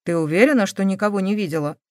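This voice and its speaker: A woman voicing a calm, stern male police investigator who presses with measured questions. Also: mid-range voice, dry recording, clean studio sound, natural voice.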